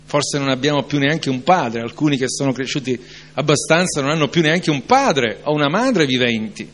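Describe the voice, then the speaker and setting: A man preaching an evening sermon, moving from calm reflection to loud, emphatic climaxes. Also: medium pitch. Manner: slow, deliberate delivery.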